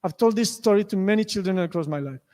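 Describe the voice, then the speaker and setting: High-voiced Spanish-accented man in a reverberant hall. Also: lively intonation, fast talker. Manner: many restarts, acts out story lines loudly. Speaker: lecturer. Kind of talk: conference lecture. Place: lecture hall.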